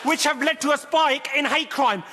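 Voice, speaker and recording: A man's voice: extremely high pitch, moderate pace. A man, an impassioned and emphatic member of parliament speaking in heated parliamentary debate. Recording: noisy chamber with crowd.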